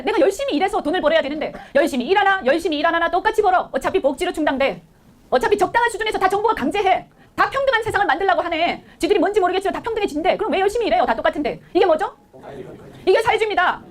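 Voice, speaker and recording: Fast, high-pitched indignant woman. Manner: emphatic, full of rhetorical questions; blunt, indignant. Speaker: political speaker. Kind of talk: political speech.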